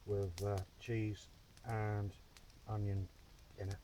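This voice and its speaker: A man's voice: fairly low pitch, flat delivery, takes it slowly, very noisy. Chatty man at a wild camp. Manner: chatty, bantering, full of fillers. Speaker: bushcraft vlogger. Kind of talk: casual outdoor vlog chat. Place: outdoors at a night camp in a hammock by a fire.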